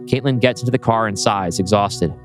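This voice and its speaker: A podcast host with a lowish voice reads a screenplay's scene directions aloud at a fairly quick pace, in scripted narration with music playing in the background.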